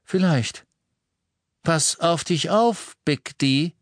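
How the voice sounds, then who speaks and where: A man's voice: on the high side, animated, very slow, no echo, pitched above the performer's own voice. A man puts on a wry teenage boy wizard in a storybook reading, his voice lifted a little above the reader's own. He answers with dry, guarded irony.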